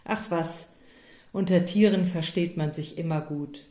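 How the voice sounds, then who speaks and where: A woman reading the lines of a calm, wry older male village priest in a slow, measured, dry way. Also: lowish voice, natural voice. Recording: roomy echo.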